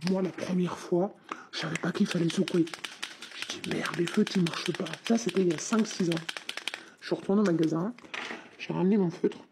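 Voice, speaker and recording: Gravelly-voiced woman chatting casually. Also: on the low side, dark tone, slight background noise. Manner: chatty and informal, talks straight to viewers. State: slight head cold, sniffling. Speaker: hobby vlogger. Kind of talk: casual unboxing and demo chat.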